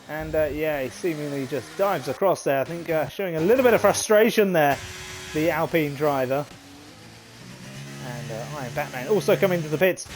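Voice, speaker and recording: A man giving live commentary on an online racing league, excitable and chatty with plenty of fillers. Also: high-pitched. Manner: excitable, chatty, British turns of phrase, frequent fillers. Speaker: race commentator.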